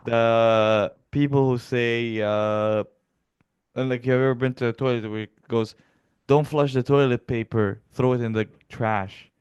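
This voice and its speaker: Young man from Egypt, podcast co-host; smooth voice, blunt crude comic rants. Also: mid-range voice, fairly even intonation, measured pace, darkish tone, highs cut off. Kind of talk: casual comedy podcast chat.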